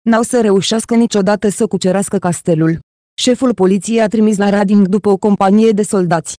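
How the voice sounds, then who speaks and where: A reader voicing an excitable, nervous man in an audiobook, talking in agitation. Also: mid-range voice, no room sound, clean studio sound, natural voice. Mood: agitated. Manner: agitated, jittery.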